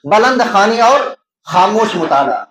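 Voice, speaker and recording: A man's voice: sits high, sing-song, a bit bright. A man with an Indian Urdu accent gives an exam-prep lecture as a teacher. He asks questions and answers them himself, repeating key terms to explain them. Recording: echoey room.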